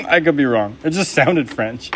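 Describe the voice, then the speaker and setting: A man's voice: medium pitch, expressive, measured pace, background noise. Laid-back man chatting while crafting. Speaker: knife maker live-streaming his work. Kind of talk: casual live-stream chat while working.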